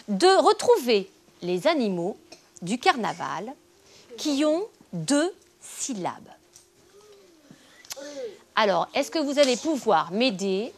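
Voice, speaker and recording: A woman teaching a reading lesson to young children in a classroom, patient and encouraging, asking many questions. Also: fairly high pitch. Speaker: primary school teacher. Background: children's chatter.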